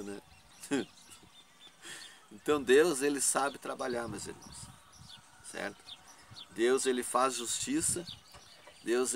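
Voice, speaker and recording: Rambling preacher. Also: male voice, medium pitch, vocal fry, fairly bright tone, slight background noise. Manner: rambling, laughs often, asks 'né?' and 'certo?'. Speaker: preacher giving testimony. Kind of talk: informal preaching testimony.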